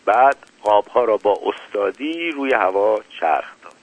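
A man's voice: on the low side, expressive. A man reading a story aloud dramatically and acting out characters, in a dull, muffled recording. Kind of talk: scripted story narration.

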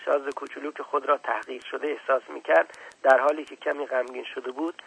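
A male storyteller reads a children's tale in a calm, measured way. His voice is gravelly and husky, and it sits slightly high. The recording sounds close and dry. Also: no echo, low-quality recording. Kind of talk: storybook narration.

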